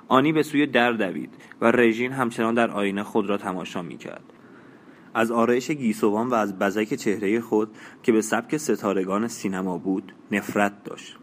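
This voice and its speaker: Low-voiced male audiobook narrator. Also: a little hiss or hum. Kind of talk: novel reading with brief asides.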